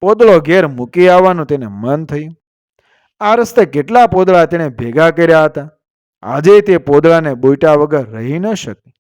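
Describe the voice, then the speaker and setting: A man narrating a village story in a steady, literary reading voice, reading the quoted lines as part of the telling. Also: a little high, normal speed, clear, resonant tone, no room sound.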